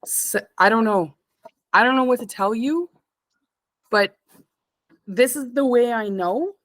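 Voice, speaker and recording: A Canadian woman in her thirties, a stone fabricator, is an interview guest chatting casually, rambling and laughing a lot. Her voice is slightly high and her pace measured, with a dry recording.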